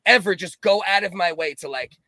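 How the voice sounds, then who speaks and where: A man hosting a casual podcast, loud and profane, repeating himself for emphasis. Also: high voice, a little fast. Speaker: podcast host.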